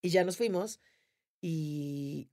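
Lively Mexican woman telling a story. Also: low-pitched, slow. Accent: Mexican Spanish. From Mérida, Mexico. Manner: animated, acts out voices of others in her story. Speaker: podcast guest. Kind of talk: casual storytelling.

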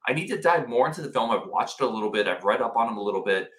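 Bright-voiced man podcasting from a roomy wooden cabin. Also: mid-range voice, expressive, rapid-fire. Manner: enthusiastic, informal. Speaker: sports podcast host. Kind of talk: casual sports commentary to live viewers. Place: indoors in a cabin. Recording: roomy indoor cabin echo.

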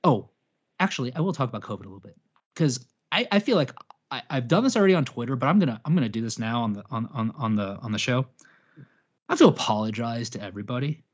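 A man in his late thirties rambles through casual podcast chat in a self-mocking, animated way, with a mid-range voice. The audio is dull and slightly lo-fi. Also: mid-range voice, quick pace, husky. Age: 30s. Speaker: podcast host.

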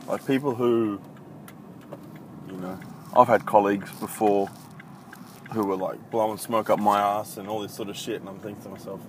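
A low-voiced man in his thirties from country Victoria, Australia, hosts a casual solo podcast, rambling bluntly, swearing freely, and filling gaps with ums. His intonation is fairly even, his pace moderate with long pauses, and he records on an iPhone with loud traffic and street noise behind him.

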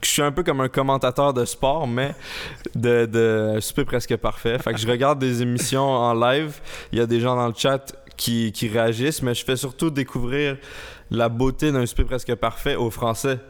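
A 21-year-old man from the Laurentides with a Quebec French accent, chatting casually as a podcast guest, relaxed and unhurried with frequent hesitations. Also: medium pitch, clean tone.

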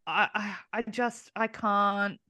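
A woman's voice: mid-range voice, steady tone, slow, bright, forceful tone, dry recording, clean studio sound. A woman guesting on a sports podcast, chatting casually with sarcasm and frequent laughter.

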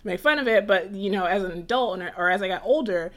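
A woman's voice: medium pitch, fast, a bit bright. A young woman from Atlanta hosting a podcast, talking in a rambling casual way with restarts. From Atlanta, USA. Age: young adult. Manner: rambling, frequent restarts and laughs. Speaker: podcast host. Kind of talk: casual conversation.

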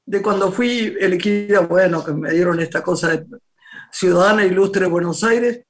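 A woman's voice: fairly low pitch, moderate pace. A woman chatting in an interview, with affectionate interjections. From Argentina. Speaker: interview guest. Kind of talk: casual interview chat.

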